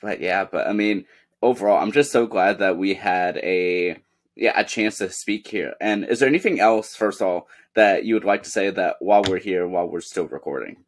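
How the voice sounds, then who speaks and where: A man's voice: deep voice, normal speed. A young man hosting a podcast interview over a video call, friendly and hesitant, with frequent "you know" fillers. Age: young adult. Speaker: podcast host. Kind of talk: casual interview.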